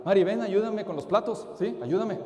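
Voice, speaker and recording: Man voicing a grandmother calling the kids, fairly high voice, roomy church sound. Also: normal speed, warm tone, close to an everyday voice. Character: kindly grandmother calling children. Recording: echoey church hall.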